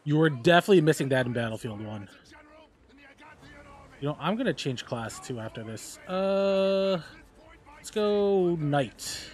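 A man's voice: medium pitch, animated, brisk, long pauses. A man casually commenting while he plays a game on a live stream, chatty, exclaiming and laughing during fights, humming bits of tunes.

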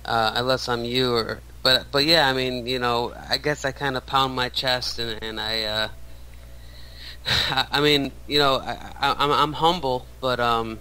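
A man's voice: mid-range voice, steady tone, a little slow, sharp tone, clear, resonant tone, low-quality recording. A man in his thirties, a radio show guest, talking casually with many restarts and fillers. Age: 30s. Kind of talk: casual interview talk.

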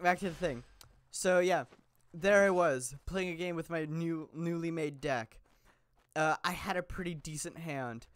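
A man's voice: on the high side, a bit bright, dry recording. A young man giving casual, rambling gameplay commentary, chatty, laughing often, with lots of fillers and restarts, sounding a little sick. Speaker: gaming YouTuber.

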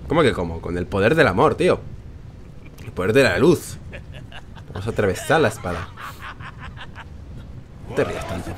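A man's voice: fairly low pitch, animated, normal speed, pauses often, a little hiss or hum. A young man with a Spain Spanish accent, hosting a let's play with joking, sarcastic, swear-filled casual commentary.

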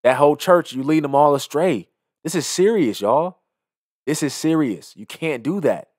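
In a small indoor home studio, a young man records forceful, preachy reaction commentary as a video commentator, wearing a headset and speaking into a close arm-mounted studio microphone. His fairly high voice has lively intonation, a moderate pace, and a slightly mellow tone in a dry recording.

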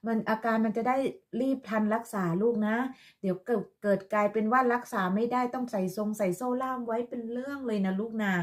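A woman's voice: on the high side, fairly even intonation, quick pace, a little mellow. Crude, scolding woman ranting. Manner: scolding, crude and mocking, sarcastic motherly tone. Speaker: online commentator. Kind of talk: ranting vlog monologue.

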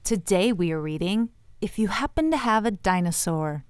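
Clear-voiced woman reading a children's storybook. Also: mid-range voice. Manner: expressive storytime delivery with drawn-out emphasized words. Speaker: children's storybook reader and host. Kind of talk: storytime read-aloud narration.

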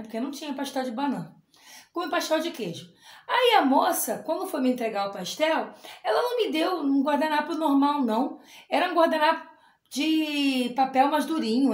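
A woman teacher, giving an animated, sing-song lesson to young children and sounding out letters slowly. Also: sits high. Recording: echoey room.

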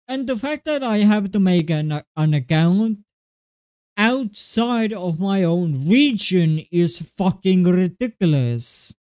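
A young man with an Estonian accent ranting to his webcam, exasperated and swearing, with halting restarts. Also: high-pitched, expressive, a little mellow. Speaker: gaming video creator. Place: small indoor room at a desk. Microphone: webcam close up.

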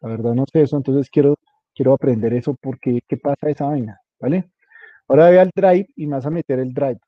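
A man with a mid-range voice speaks briskly while instructing a student on a web page setup. His coaching is informal and step by step, with small details spelled out. The recording has no echo and sounds muffled.

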